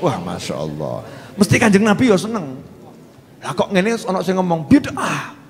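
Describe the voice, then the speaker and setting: A man's voice: high-pitched, wildly swooping pitch, moderate pace. A man with a Javanese accent preaching a humorous sermon to a live congregation, teasing and coaxing the audience. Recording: long hall reverb.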